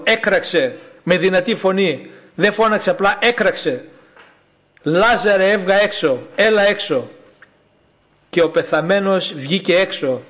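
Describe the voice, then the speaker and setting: A man preaching a sermon in a slow, emphatic way, repeating his calls. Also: sits high.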